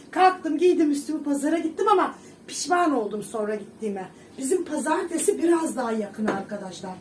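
A middle-aged woman chatting casually to her viewers at home, rambling along with frequent fillers. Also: on the high side. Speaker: vlogger. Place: home kitchen. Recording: echoey room, distant mic, background noise.

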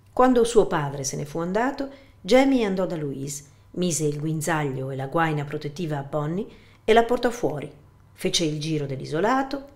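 A woman narrating a literary audiobook in a steady, measured reading. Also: sits low. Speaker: audiobook reader.

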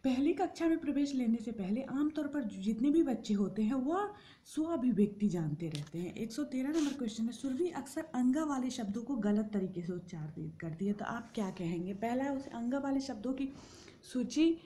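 A woman tutor works steadily through exam questions, reading each option in order before explaining the answer. Her voice sits a little high but sounds mellow and warm. Faint noise hums under the recording. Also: animated, moderate pace.

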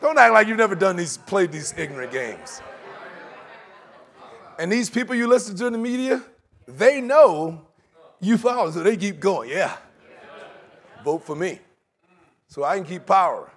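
Animated man preaching in a church. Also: high-pitched, measured pace, long pauses, husky, some chatter behind. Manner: animated, conversational, mock voices for examples. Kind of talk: sermon. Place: church sanctuary, large indoor hall.

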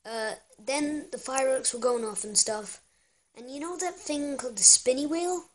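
Young female vlogger with a hoarse voice. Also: high voice, moderate pace. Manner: chatty, rambling with many fillers. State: hoarse, lost voice. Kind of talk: casual vlog chat.

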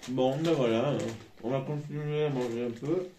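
A vlog co-host tasting snacks chats casually while munching crunchy chips in a small hotel room. His warm, medium-pitched voice moves at a moderate pace. It's a noisy, echoey phone recording made from a couple of metres away.

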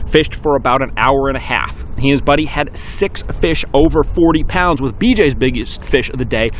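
A man in his forties hosting a weekly fishing report to camera, outdoors on a dock, talking briskly and upbeat with some fillers. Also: mid-range voice, a little hiss or hum.

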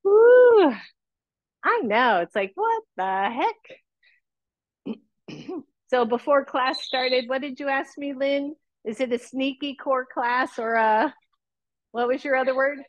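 A woman teaching a live yoga class, calling out cues and counts with encouraging, breathy exhales. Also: high-pitched, slow pace, pauses often, no room sound, muffled recording.

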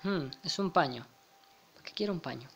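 A man's voice: fairly high pitch, lively intonation, fairly quick, a bit bright, breathy edge. A young man with a Spain Spanish accent commenting casually over a game, chuckling and reading the dialogue aloud. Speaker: gamer. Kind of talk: let's play commentary.

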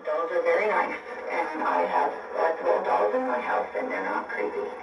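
A chatty speaker talking in a lively, whimsical way. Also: medium pitch, moderate pace, gravelly. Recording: roomy, distant mic with loud music.

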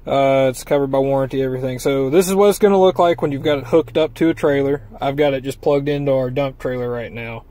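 Talking fast with few pauses, this man has a mid-range, dark-toned voice. He's a vlogger reviewing truck accessories, casually walking viewers through a part he installed, full of folksy rambling and fillers, shot on a handheld phone inside the truck and outside near a trailer.

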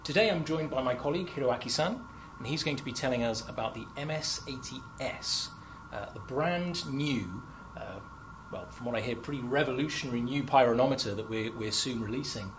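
A man's voice: medium pitch, animated, brisk. A young man hosting a corporate product interview in a lab, chatty and upbeat with frequent fillers. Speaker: marketing host. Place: company lab, indoors, standing. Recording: lab background noise.

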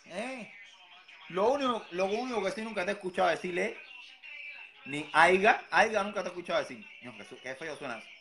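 A man's voice: high voice, lively intonation, a little fast, a bit bright, a little hiss or hum. A Cuban man with a Cuban accent giving a sarcastic, taunting monologue, repeating his lines as he mocks someone. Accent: Cuban Spanish. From Cuba. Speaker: satirical vlogger. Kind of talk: mocking impression monologue.

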